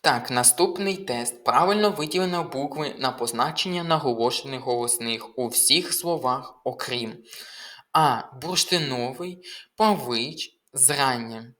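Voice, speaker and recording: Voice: mid-range voice, unhurried, a bit bright. Methodical tutor explaining exam answers. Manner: methodical, explains step by step with frequent hesitations. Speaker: language tutor. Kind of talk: exam walkthrough lesson.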